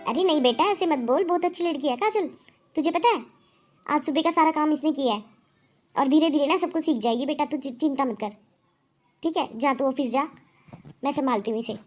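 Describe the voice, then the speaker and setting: A woman voicing a kindly, patient mother-in-law in a cartoon, gentle and reassuring. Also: sits high, fairly quick, pauses often, soft background music. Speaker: cartoon voice actor. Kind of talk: cartoon voice acting.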